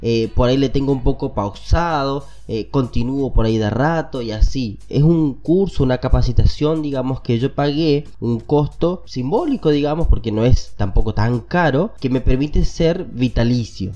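A man's voice: medium pitch, normal speed, few pauses, warm tone, lo-fi sound, soft background music. A man with a Latin American Spanish accent and a stuffy, congested nose from a cold, hosting a podcast in a casual motivational monologue, speaking directly to listeners. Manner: conversational, addresses listeners directly. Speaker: podcast host.

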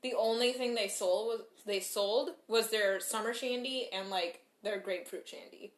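A woman's voice: medium pitch, normal speed. A young woman co-hosting a casual chat over beers at home, telling stories in a chatty, upbeat way. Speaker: podcast co-host. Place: living room at home. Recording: echoey room.

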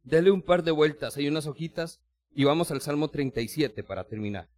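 With a fairly high, slightly mellow voice, this male preacher is animated and brisk, captured in a dry recording. He talks straight to his audience in a formal yet conversational sermon, acting out small everyday moments.

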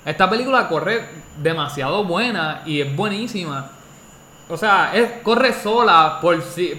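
A young man, co-hosting a casual podcast, talking in animated, rambling bursts full of restarts. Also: sits high, measured pace. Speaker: podcast co-host. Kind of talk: casual chat. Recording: echoey room with faint noise.

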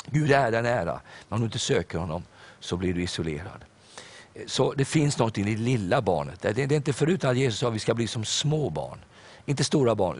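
Older male pastor, lowish voice, sermon delivery, earnest storyteller. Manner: storytelling, earnest, with filler hesitations.

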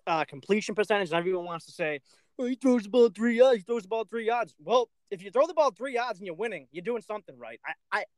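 A man's voice: on the high side, dry recording. A man co-hosting a casual podcast, teasing his partner and giving firm opinions on football. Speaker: podcast co-host. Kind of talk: casual podcast chat and sports talk.

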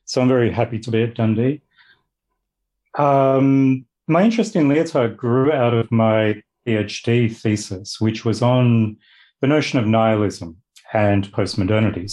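A philosophy lecturer with an Australian accent appears as a guest in a casual interview, speaking thoughtfully and measuredly with occasional fillers. His voice is fairly low-pitched with a darkish tone.

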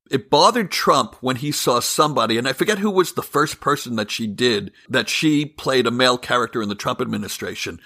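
A man hosting a political debate podcast, talking in an animated, ranting way and chuckling often. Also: medium pitch. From California. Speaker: podcast host. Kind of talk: casual political debate chat.

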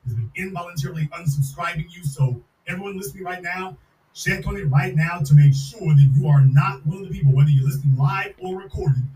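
A distant mic gives a roomy sound to this podcast host, whose voice is fairly high, mellow, and a little fast. During his live stream he rants emphatically and repeats slogans in a mocking way.

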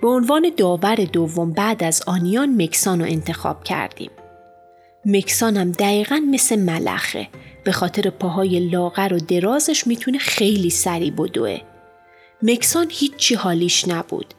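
A woman narrating a children's storybook in the first person as a schoolboy, with lively, expressive storytelling. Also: medium pitch. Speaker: audiobook narrator. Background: faint music.

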